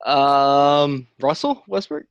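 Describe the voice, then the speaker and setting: A man playing in a trivia game, heard over a video call, who answers with halting, hesitant guesses. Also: fairly high pitch, sing-song, vocal fry, clean tone, dry recording, lo-fi sound. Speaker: trivia contestant.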